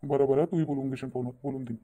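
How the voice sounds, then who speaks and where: Man voicing cartoon cheating husband, dark mellow tone, rapid talk. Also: medium pitch, fairly even intonation, natural voice. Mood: evasive. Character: sly cheating husband, caught between wife and lover. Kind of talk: cartoon voice acting.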